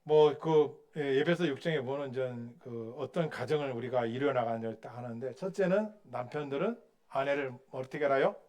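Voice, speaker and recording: A man's voice: mid-range voice, moderate pace, few pauses, darkish tone. A male pastor preaching a sermon, asking the congregation questions and telling stories with acted-out quotes. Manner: questions the congregation and waits for answers; storytelling, acting out quotes.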